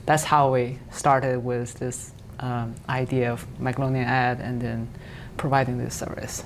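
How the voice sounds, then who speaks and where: A woman professor and startup co-founder answering interview questions briskly, with uh fillers and short laughs. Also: very deep voice, flat delivery, music in the background.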